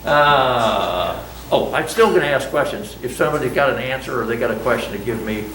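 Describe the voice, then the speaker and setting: Fairly quick, a bit bright, medium-pitched, and lively in intonation, an older man lectures a college class while wearing a mask. He chats, jokes about himself, and questions students, recorded from afar in a roomy classroom with slight background noise.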